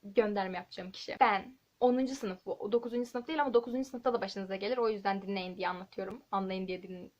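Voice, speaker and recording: A teenage girl vlogging to camera, telling chatty, animated stories with quick asides. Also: mid-range voice, lo-fi sound. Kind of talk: casual chat to camera. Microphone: handheld camera.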